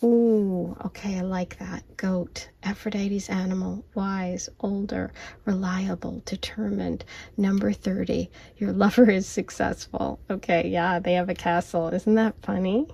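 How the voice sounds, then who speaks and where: Softly whispering husky woman. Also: mid-range voice, steady tone, a little slow. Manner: whispering softly, often unvoiced; intuitive, reassuring, says okay often. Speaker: tarot and oracle card reader. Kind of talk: casual spiritual card reading. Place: home at night, lamp light.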